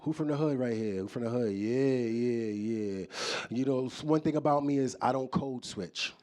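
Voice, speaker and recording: A man's voice: medium pitch, normal speed, darkish tone. A man from New performing a live stand-up set, talking loosely and straight to the crowd. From New York. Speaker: stand-up comedian. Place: live comedy show in an office building.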